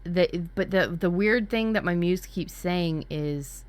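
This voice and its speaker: Her voice is lowish and clean in tone, and she talks a little slowly. As a workshop co-host in a casual brainstorming session, she gets candid, sweary, and dramatic about spooky ideas.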